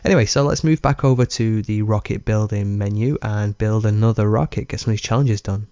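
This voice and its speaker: A man with a low, dark, mellow voice talks through his gameplay in a relaxed, rambling way, chuckling as he goes. The sound is dry and a little dull, like a lo-fi home mic. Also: a little fast, no room sound. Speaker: let's play gamer. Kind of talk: casual gameplay commentary.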